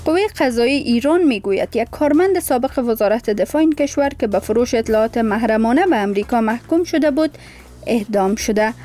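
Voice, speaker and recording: A woman with an Afghan accent reading radio news headlines in a solemn, formal, measured manner. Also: on the high side, lively intonation, warm tone. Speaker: newsreader. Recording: radio broadcast with music behind. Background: music.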